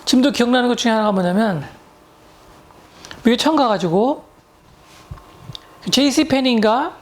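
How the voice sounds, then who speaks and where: A woman's voice: a little high, moderate pace, slight background noise. A woman from Korea, an English tutor, telling chatty anecdotes to viewers and mixing in English words. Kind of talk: storytelling lecture to viewers.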